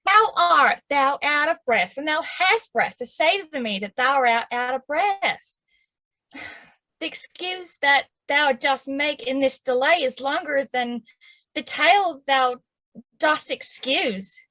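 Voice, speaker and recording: An actress plays an impatient young girl in love who speaks with a Southern accent. Her voice is high and bright, and she pleads in slow, measured verse. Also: animated, full character voice. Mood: pleading. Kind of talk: stage acting of verse drama.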